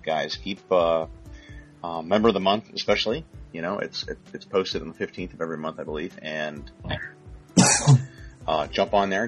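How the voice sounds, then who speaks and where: A man's voice: sits low, a bit bright, muffled recording. A man hosting a casual gaming podcast, rambling with many fillers and crude jokes. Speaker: podcast host.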